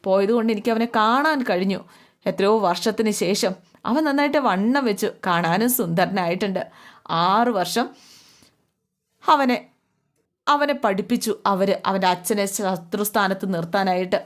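A woman voicing a heartbroken middle-aged father who pleads tearfully, in a plaintive, slow and wounded way. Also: medium pitch, close to an everyday voice. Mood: grieving.

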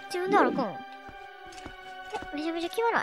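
A woman's voice: very high voice, sing-song, fairly quick. A woman with a Kansai accent commentating a game, chatty and teasing, talking to the characters on screen. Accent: Kansai Japanese. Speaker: game streamer. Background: loud game music.

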